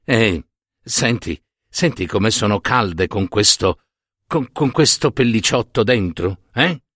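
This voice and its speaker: A poor, contented shoemaker who fusses over his work and ponders simple pleasures, as a male narrator plays him. He talks low and unhurried in a homely storybook voice. The recording is close and dry. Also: animated, a bit bright, dry recording, exaggerated voice. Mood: homely, musing. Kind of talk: storybook reading.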